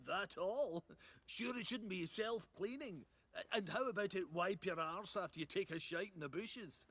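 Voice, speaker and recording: A middle-aged blacksmith, boastful and sarcastic, laughing at his customers. His pitch sits a little high and swings widely as he mocks. This is video game dialogue. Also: very animated, measured pace, creaky, a bit bright, breathy edge, no room sound, full character voice.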